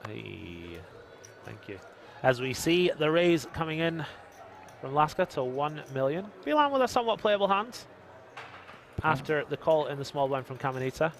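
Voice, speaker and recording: A man's voice: fairly high pitch, big pitch swings, moderate pace, gravelly. A male poker commentator on a live stream. He trades jokes with his co-host and reads viewer chat aloud between hands.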